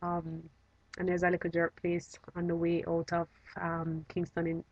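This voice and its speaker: A woman from Jamaica with a Jamaican accent, chatting casually to camera in a fond, unhurried, reminiscing way. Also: lowish voice, completely flat delivery, no echo, highs cut off. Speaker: vlogger.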